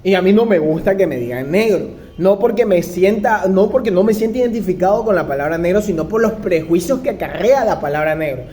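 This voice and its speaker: A young man telling a first-person anecdote in an animated way, acting out the voices of the people in it. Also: high voice, a little fast, hardly any pauses. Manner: animated, acts out quoted dialogue. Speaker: storyteller.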